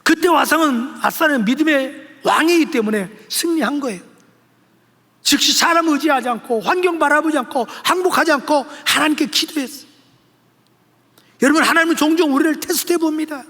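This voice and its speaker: Older high-voiced pastor preaching in a hall. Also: male voice, fairly quick, sharp tone. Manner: exhorting, rising to emphatic preaching. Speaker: senior pastor. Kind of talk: sermon. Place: church sanctuary. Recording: long church hall reverb.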